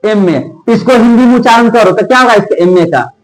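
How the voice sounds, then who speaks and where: Man teacher, high voice, drills exam grammar, keeps checking "theek hai" and firing quiz questions. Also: brisk, poor audio. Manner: repeats "theek hai" often and quizzes the listener with rhetorical questions. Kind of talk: exam-prep grammar lesson.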